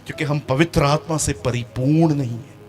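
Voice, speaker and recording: A man's voice: on the high side, fairly quick, a little mellow. A man preaching a sermon as pastor in a church meeting, joking with the congregation and mimicking its members.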